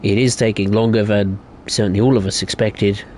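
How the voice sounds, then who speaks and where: A young man streaming a game talks a little fast in a low, steady, slightly mellow voice. The chat is casual and rambling, with frequent hesitations as he gives his opinions, and there's a little hiss or hum.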